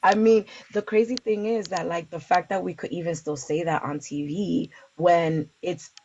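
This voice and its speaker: Speaking at a moderate pace in a lowish, dark voice with fairly even intonation, a woman gives relaxed, halting interview answers while searching for her words. She is a Bronx, New York community organizer, and the lo-fi recording sounds dull, with background noise and clicks.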